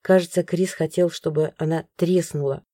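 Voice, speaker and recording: Woman reading a story, mellow voice. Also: low-pitched, normal speed, no echo, studio quality. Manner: expressive storytelling. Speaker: audiobook narrator. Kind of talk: first-person audiobook narration.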